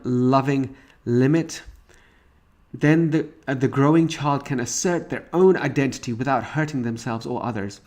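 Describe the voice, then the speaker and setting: A man's voice: medium pitch, darkish tone. A man delivers a recorded parenting lesson, explaining stages and examples one after another. His voice sits in an ordinary middle range. He often stops and restarts a phrase before carrying on. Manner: explanatory, with frequent restarts and fillers; walks through examples and stages step by step. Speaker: parenting course instructor. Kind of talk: recorded course lecture.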